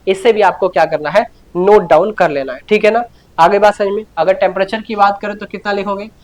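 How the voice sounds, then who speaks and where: Male chemistry teacher, repetitive questioning style. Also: sits high. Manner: repetitive, answers his own questions, keeps urging students to note down. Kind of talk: classroom lecture.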